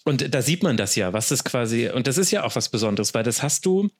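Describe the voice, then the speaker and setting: A man's voice: mid-range voice, animated, quick pace, husky. A man in his thirties from Franconia, a sports journalist talking as a guest in a casual podcast interview, enthusiastic and full of restarts and fillers. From Franconia, Germany.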